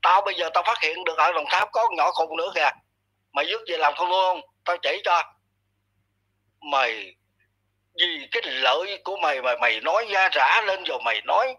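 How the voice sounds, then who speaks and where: Male commentator, husky and sharp-edged, blunt scolding rant, talks down to his target. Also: on the high side, poor audio. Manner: blunt, scolding, addresses listener harshly. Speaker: online commentator. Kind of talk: ranting commentary monologue.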